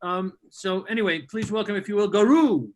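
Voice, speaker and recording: A man with a high, fairly quick, darkish voice hosts a live comedy show over a video call. He rambles through sardonic, mock-hostile banter before introducing the next act.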